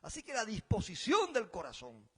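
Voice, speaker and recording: High-voiced emphatic Cuban pastor. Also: male voice, wildly swooping pitch, normal speed, slightly rough. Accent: Cuban Spanish. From Cuba. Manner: emphatic preaching, rising loud on key phrases, then dropping quiet. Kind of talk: sermon.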